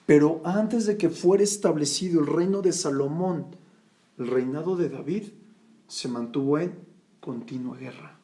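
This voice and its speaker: A man's voice: a little high, moderate pace, mellow. A man preaching a sermon, emphatic and addressing the congregation as his brothers. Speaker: pastor.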